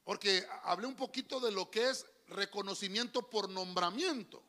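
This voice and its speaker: A male pastor, preaching an animated, folksy sermon to a congregation and often calling listeners "brother". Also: high voice, normal speed, long reverb tail. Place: church before a congregation.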